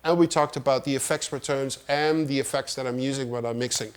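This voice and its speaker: A middle-aged man, a music producer, casually walking through his studio setup in a tutorial, with relaxed, self-deprecating asides. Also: mid-range voice, a little fast, smooth.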